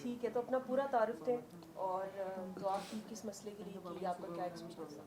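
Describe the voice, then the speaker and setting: A woman interviewer asking brisk prompting questions, heard from a distance. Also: mid-range voice, dark tone. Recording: distant voice with crowd noise.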